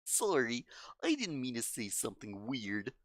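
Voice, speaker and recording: A woman's voice: very deep voice, sing-song, a little slow, no echo, studio quality, pitched above the performer's own voice, exaggerated voice. A woman voicing a cheerful, caring teenage club president in a visual novel, sounding sweet and earnest. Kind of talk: reading game dialogue aloud.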